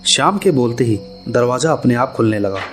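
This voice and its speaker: A man narrating a scripted horror story in a steady, even storytelling manner. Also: medium pitch, moderate pace. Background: faint background music.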